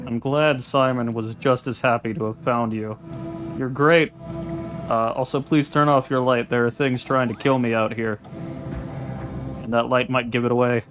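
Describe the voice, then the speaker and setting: A man's voice: mid-range voice, steady tone, moderate pace, music in the background. A man streaming a video game with casual, sweary commentary, chatting to the characters as he plays.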